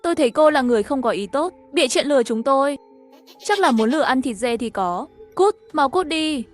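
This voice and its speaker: A woman voicing a stubborn, quick-tempered old rural grandfather in a dubbed horror cartoon, scolding and dismissive, with faint music behind. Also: high-pitched, animated. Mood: angry.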